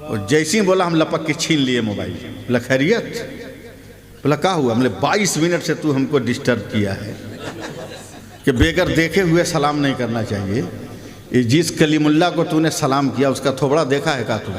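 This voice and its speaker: A man giving a humorous sermon at a public gathering, telling a story and acting out the dialogue, often rising to shouts. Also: on the high side, lively intonation, normal speed. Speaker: Islamic preacher. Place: large hall at a public gathering. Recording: long hall reverb with loud crowd.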